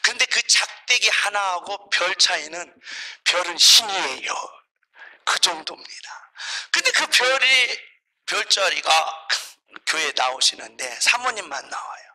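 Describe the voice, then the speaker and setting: A man preaching a sermon as pastor, fervent and animated, breaking into shouted exclamations while telling stories. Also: high voice, measured pace, rough recording.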